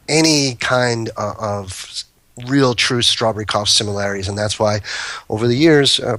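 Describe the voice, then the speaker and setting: This guest on a talk show, a man who breeds cannabis, spins rambling anecdotes in easygoing conversation and keeps interrupting himself partway through sentences. He has a fairly low, slightly bright voice, recorded without echo.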